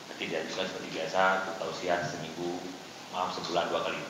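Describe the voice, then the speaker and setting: Low, flat-voiced male host making formal announcements, distant in a roomy hall with hiss. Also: fast. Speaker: event host. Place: prayer room. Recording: echoey, distant, hissy room mic.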